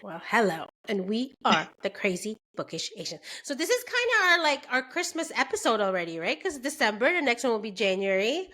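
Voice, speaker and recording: Young canadian woman hosting book club, kinda high voice, lots of ums and giggles. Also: sing-song, fairly quick, few pauses, bright, forceful tone. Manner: chatty, laughs often, many fillers. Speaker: book club podcast host. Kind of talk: casual chat.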